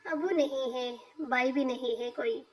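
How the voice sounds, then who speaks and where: A woman voicing a gentle, shy young female patient who speaks softly and quietly. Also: sits high, measured pace, rough recording.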